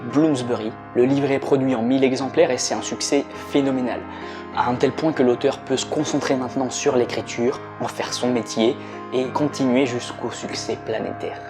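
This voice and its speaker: A man's voice: mid-range voice, fairly even intonation, moderate pace. A man hosting an explainer video, narrating in a casual, chatty way. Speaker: host. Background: music.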